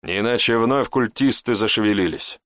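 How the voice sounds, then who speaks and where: A man narrating a story in the first person, with expressive storytelling. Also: on the low side, moderate pace, dry recording. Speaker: audiobook narrator. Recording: dry close audiobook recording.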